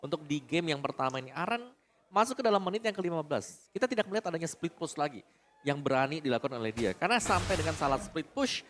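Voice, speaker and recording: A man's voice: fairly high pitch, expressive, fast, a bit bright. A man with an Indonesian accent giving analytical live commentary on an esports match.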